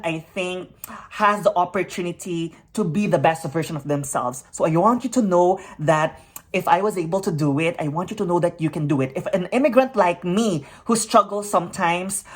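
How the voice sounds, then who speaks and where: A Filipina makeup vlogger gives a tutorial mixed with motivational talk, upbeat and hyper, dropping peppy "you know what?" and "yes!" asides between encouraging thoughts. Her voice is on the low side, with lively intonation and a moderate pace.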